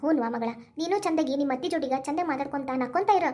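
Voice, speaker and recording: A woman's voice: high-pitched, rapid-fire, dark tone, lightly acted. A woman voicing a firm, wise middle-aged mother in a cartoon, lecturing with a North Karnataka accent. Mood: advising. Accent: North Karnataka Kannada. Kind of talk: cartoon voice acting.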